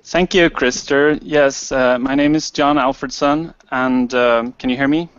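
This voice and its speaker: A man from Sweden introduces himself earnestly, pausing on fillers. The sound is dry and close, and muffled like a web call. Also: mid-range voice, fairly even intonation, clear, resonant tone, no echo. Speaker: panel guest. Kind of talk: casual self-introduction.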